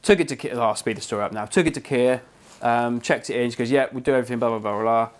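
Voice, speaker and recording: A young man with an English accent tells a long story in a loose, conversational way. He slips into quoting the other people in it and swears freely. His delivery is animated, with a medium pitch for a man. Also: racing. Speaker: podcast co-host. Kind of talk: casual storytelling chat.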